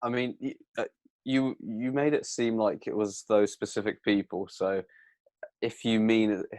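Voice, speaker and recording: Low-voiced young British man chatting. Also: fairly even intonation, unhurried, a little mellow, dry recording. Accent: British English. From Britain. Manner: storytelling, swears casually, acts out quotes. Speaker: podcast co-host. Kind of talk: casual chat.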